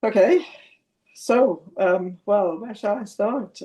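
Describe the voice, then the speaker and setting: Older Swiss-born woman, mellow voice. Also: medium pitch, takes it slowly. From Switzerland. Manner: chatty, with hesitant fillers. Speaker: podcast guest. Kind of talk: casual interview chat.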